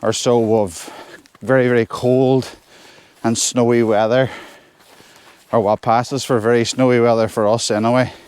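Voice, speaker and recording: A man's voice: medium pitch, little pitch movement, unhurried, darkish tone, smooth. Northern Irish man talking while trudging through snow. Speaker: solo hiker vlogging. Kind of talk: casual walking vlog. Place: outdoors on a snowy hill forest track.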